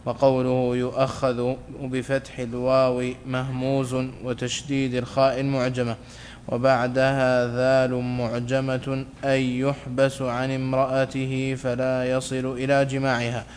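A man reading a classical religious text aloud to his teacher in a measured, careful way. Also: medium pitch, a little hiss or hum. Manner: flat, measured recitation.

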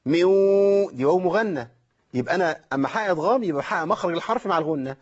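A man's voice: a little high, expressive, very fast, breathy edge, dull audio. A man with an Egyptian accent hosting a call-in lesson on Quran recitation, explaining step by step and checking in with listeners. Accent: Egyptian Arabic. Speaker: Quran recitation teacher and host.

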